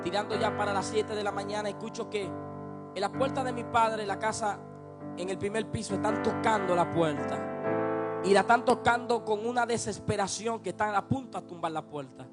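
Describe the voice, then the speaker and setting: A man preacher telling a testimony in a sermon, building from quiet storytelling to fervent shouted preaching. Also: sits high, normal speed, loud music behind the voice.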